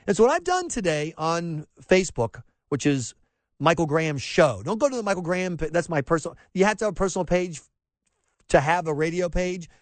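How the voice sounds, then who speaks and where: On his talk radio show, this middle-aged rural South Carolina host launches into a passionate opinion monologue, often restarting and tossing in mocking asides. His fairly high voice is sing-song and a little fast, recorded dry on a close studio mic.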